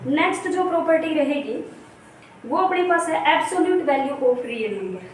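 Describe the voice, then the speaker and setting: A woman's voice: high-pitched, animated, a little slow. A woman teaching math step by step, repeating key terms and asking herself rhetorical questions. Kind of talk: exam-prep lecture on real analysis. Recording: echoey room, mic at a distance, faint background noise.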